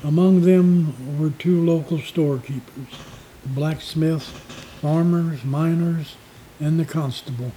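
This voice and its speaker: A man narrating local history as a scripted story in a measured, storytelling way. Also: fairly high pitch, warm tone, a little hiss or hum, low-quality recording.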